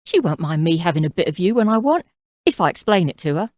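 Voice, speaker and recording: In an audio drama, a woman plays a flirtatious, scheming mother-in-law in her thirties, sounding coy, self-assured, persuasive and confident. Her voice is lowish, sing-song, quick and a little mellow, with no room sound.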